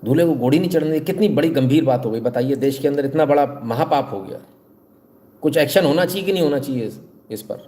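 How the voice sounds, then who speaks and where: A man's voice: mid-range voice, fairly quick, mellow. A man hosting live news commentary, talking straight to viewers with sarcastic, rhetorical questions.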